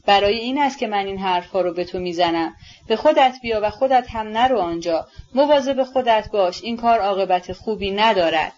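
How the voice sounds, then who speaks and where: A woman's voice: mid-range voice, darkish tone, close to an everyday voice. A woman voicing a spirited young woman who pleads with her brother in an agitated way, in a storybook reading on a dull recording. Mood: pleading.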